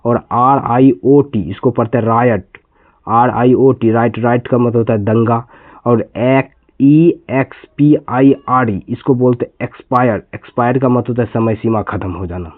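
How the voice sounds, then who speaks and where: A man's voice: mid-range voice, normal speed, no echo. A man from India teaching an English reading lesson, spelling words letter by letter and repeating them patiently. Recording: tinny, phone-like lo-fi sound.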